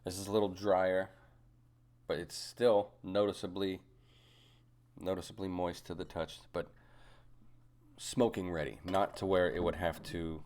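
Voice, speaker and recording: A man giving a casual, unscripted review as a hobbyist, musing and halting as he goes, often trailing into asides. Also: deep voice, little pitch movement, a little mellow. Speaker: pipe tobacco reviewer.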